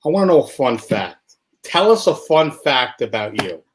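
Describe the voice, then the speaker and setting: The host of a casual live show rambles loosely through explanations, using lots of fillers and acting out dialogue in quick voices. His mid-range voice swings widely in pitch. The recording is low quality, with slight background noise.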